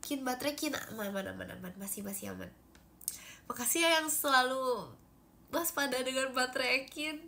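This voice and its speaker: Thanking viewers for gifts, a young idol livestreamer from Indonesia chats in an animated way on her phone, stuffy from a cold and full of fillers. Her high voice is gravelly, moving at a moderate pace.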